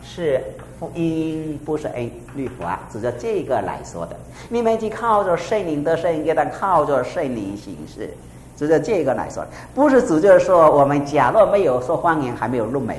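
A woman preaching a sermon in a church hall. She talks in a lively way and keeps asking her listeners questions. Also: normal speed. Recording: echoey room, faint rumble.

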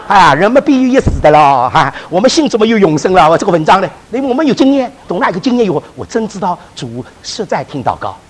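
A man preaches a testimony with a high, husky voice. He tells his story at a quick pace, with a lively, swooping delivery and frequent restarts and fillers. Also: rough recording. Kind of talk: testimony sermon.

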